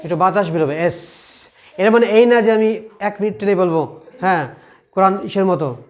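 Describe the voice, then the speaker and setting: A man with a Bengali accent teaching English pronunciation to a class, asking questions and repeating sounds slowly. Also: high-pitched. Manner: asks the class questions and answers them, drills sounds slowly.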